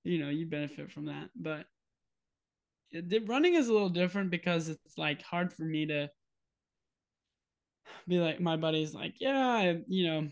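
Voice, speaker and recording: Higher-voiced young man chatting easily. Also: moderate pace, creaky, long pauses. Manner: relaxed and chatty, many fillers, laughs easily. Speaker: podcast co-host. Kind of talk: casual chat.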